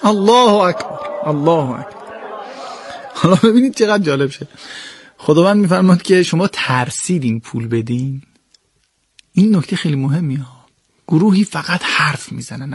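A man giving an animated religious talk, explaining verses to his listeners with lively swings in pitch and pace. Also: creaky, slightly rough, no echo, studio quality. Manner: addresses listeners directly and politely.

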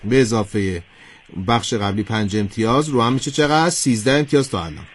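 A man's voice: mid-range voice, heavy background noise. A man hosting a quiz show, coaxing and teasing the contestant in playful game show banter.

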